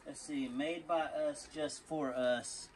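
A Texas storage unit reseller with a fairly high, steady voice takes his time narrating a casual vlog, chatting to viewers as y'all while sorting through a unit outdoors and later inside his truck. Faint background noise is audible.

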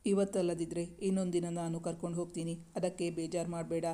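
Woman doing a young guy teasing his girlfriend, low flat mellow voice, storybook. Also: fast, close to an everyday voice. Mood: reassuring. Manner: playful, reassuring. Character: young man, affectionate teasing boyfriend. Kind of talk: storybook dialogue reading.

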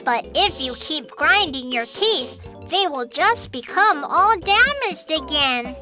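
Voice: high voice, expressive, takes it slowly, pushed and bright, full character voice. A performer voicing a cheerful young baby shark dentist in a preschool cartoon, speaking simply and reassuringly. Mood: reassuring, instructive. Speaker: cartoon doctor character. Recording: music under the voice.

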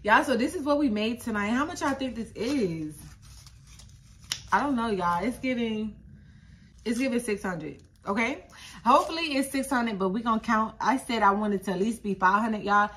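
A young woman, chatting straight to her phone camera in a storytime vlog. Her voice is bright and sits a little high. She gets animated, repeating phrases in incredulous high-pitched bursts, with a faint hiss of noise in the background. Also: moderate pace. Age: young adult. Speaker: vlogger.

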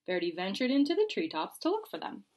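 A woman teacher reading a children's picture book aloud with an expressive, lively delivery. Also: medium pitch, fast talker. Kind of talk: storybook read-aloud.

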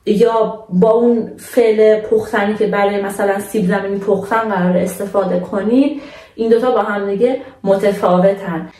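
A young woman teaching a language lesson in a patient, casual way, slowing down to model words for her viewers. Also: medium pitch, mellow, reverberant, distant mic.

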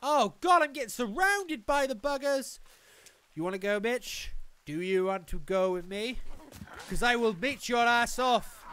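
This young man from Wales commentates live on a survival game he's streaming from a small room at home via a headset mic. With a Welsh accent, he jokes excitedly to the game and chat in a very high, clean-toned voice at a measured pace.

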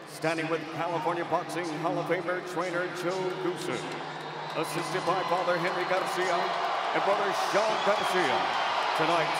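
A man announcing boxing introductions like a lucha libre announcer, theatrical and booming, stretching out shouted names. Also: very noisy. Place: boxing ring in a packed arena. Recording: loud crowd roar in big arena, echoey.

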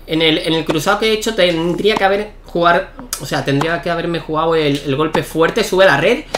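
Excitable gamer with a light voice. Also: male voice, on the high side, fairly quick, background noise. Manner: excitable, shouts at key points. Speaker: gaming YouTuber. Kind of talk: live gameplay commentary.

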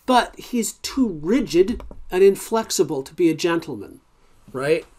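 A man's voice: high-pitched, expressive, unhurried, a little mellow. Man giving a casual, wry lecture. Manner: conversational, many fillers and restarts; wry, informal asides. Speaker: college ethics instructor. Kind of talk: recorded lecture.

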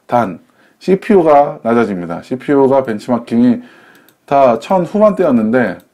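Mellow-voiced man reviewing laptops. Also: mid-range voice. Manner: chatty, self-correcting explanations with simple analogies. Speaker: tech reviewer. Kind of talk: casual product review.

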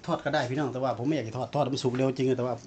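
A man's voice: medium pitch, steady tone, racing, a little mellow, slight background noise. A man with an Isan Thai accent talks casually to his viewers while grilling over charcoal, calling them brothers and sisters. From Northeast Thailand. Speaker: cooking vlogger. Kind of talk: casual cooking vlog talk.

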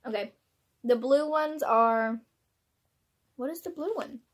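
A woman's voice: high-pitched, takes it slowly. A young woman taste-testing candy in a casual vlog, bubbly, exclaiming and laughing often. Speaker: vlogger.

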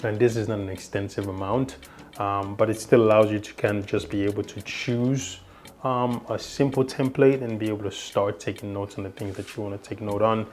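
This is a casual product demo by a young tech reviewer, a non-native English speaker, rambling through a device's features indoors in a small room with frequent fillers and restarts. His voice is lowish and a little mellow, with little pitch movement and a brisk pace.

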